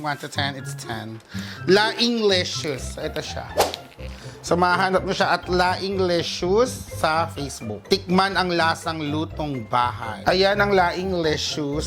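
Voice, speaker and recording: A man with a Filipino accent hosting a casual haul vlog, campy and playful, jumping from quiet asides to loud squeals. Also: on the high side. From Philippines. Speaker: vlog host.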